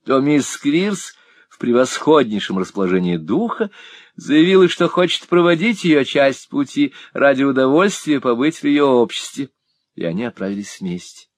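Male narrator, audiobook reading, lively pitch, dry close recording. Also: normal speed, no room sound. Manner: expressive storytelling. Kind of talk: scripted narration of a classic novel.

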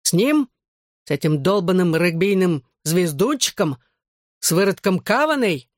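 Narrator putting on a drunk brutal dad in an audiobook, barking and slurring, dry close sound. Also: female voice, lowish voice, sing-song, unhurried, no echo. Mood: drunk, furious. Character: drunk violent middle-aged father.

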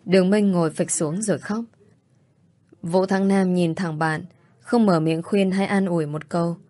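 Woman narrator, audiobook story, steady delivery, lowish voice, dry close recording. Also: normal speed, dry recording.

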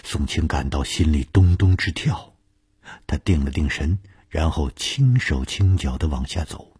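A man reading a suspense story aloud for a radio serial, measured, dropping to a hush in tense moments. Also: rumbling low, lively intonation, husky, dry recording, studio quality.

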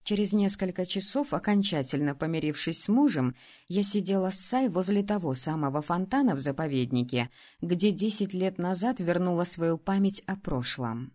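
A woman's voice: fairly low pitch, expressive, normal speed, a little mellow. Woman reading a story aloud. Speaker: audiobook narrator. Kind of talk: first-person story reading.

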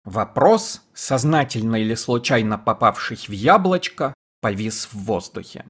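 Husky-voiced male audiobook narrator. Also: on the low side, expressive, a little slow, fairly bright tone. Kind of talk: scripted narration.

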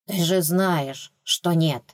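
A woman's voice: on the low side, no echo, studio quality. A woman doing a polite shy ghost rat. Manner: apologetic, slow and courteous.

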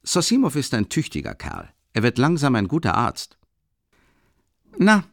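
A man voicing a boisterous young male student in an audiobook, booming and exclaiming. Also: huge pitch swings, measured pace, vocal fry, dry recording, clean studio sound, exaggerated voice. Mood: hearty, boisterous. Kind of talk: audiobook character reading.

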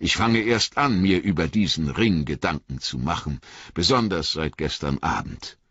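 A man reading an audiobook, voicing an old, grave and cautious male wizard who speaks in measured warnings. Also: sits low, lively intonation, a bit bright, breathy edge, dry recording, exaggerated voice. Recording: dull lo-fi audiobook recording.

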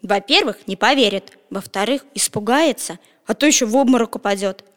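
Brief: expressive woman narrating a storybook, high and animated, reverberant sound. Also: brisk. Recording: long echoing reverb.

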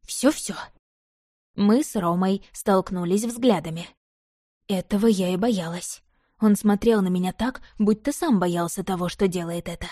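Woman, audiobook narrator, mellow and warm, dry close recording. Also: medium pitch, normal speed, no echo. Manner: expressive first-person storytelling.

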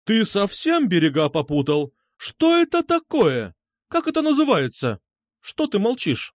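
A man voicing a stern, booming woman head teacher who barks commands. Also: big pitch swings, moderate pace, no echo. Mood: furious. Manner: barking, commanding.

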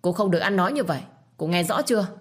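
A woman plays a young master of the house in a spoken story. He speaks firmly, in a low, controlled voice. His scolding stays measured and severe. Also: expressive, slightly rough. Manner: firm and scolding.

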